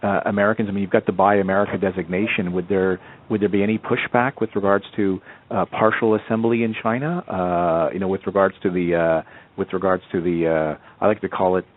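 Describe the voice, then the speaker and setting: An analyst with a low, steady voice asks questions on a conference call at a brisk clip. He still sounds hesitant, looping back to reword things, and the phone line is muffled.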